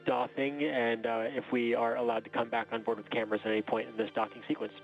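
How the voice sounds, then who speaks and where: A man's voice: medium pitch, level tone, fast talker, gravelly. A man working as a mission control communicator, giving formal technical instructions over a radio link. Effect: radio transmission. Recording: tinny phone-like radio link, faint music.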